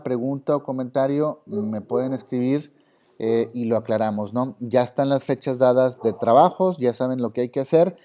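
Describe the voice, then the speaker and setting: A man's voice: mid-range voice, warm tone. A man with a Mexican accent teaching an online class in a casual way, full of fillers. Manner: casual, many fillers like "este". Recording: slightly dull audio.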